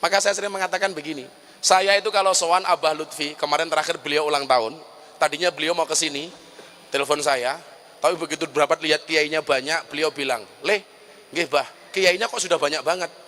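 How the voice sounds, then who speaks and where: A man's voice: fairly high pitch, fast talker, pushed and bright. A middle-aged man preaching a humorous sermon, full of joking asides. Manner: joking asides, then chanting and singing verses.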